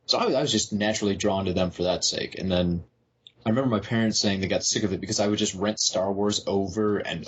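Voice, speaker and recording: A man's voice: sits low, a bit bright, husky, lo-fi sound. A young man hosting a casual podcast, joking and rambling through stories. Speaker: podcast host.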